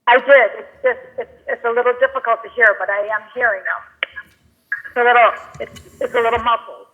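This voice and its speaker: A woman's voice: a little high, steady tone, fairly quick, fairly bright tone. A woman testifying by telephone at a hearing, her voice muffled like through a wall as it plays over a speaker, answering hesitantly and repeating words. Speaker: property owner testifying by phone. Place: remote caller heard over a hearing-room speaker. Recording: tinny phone line on a speaker.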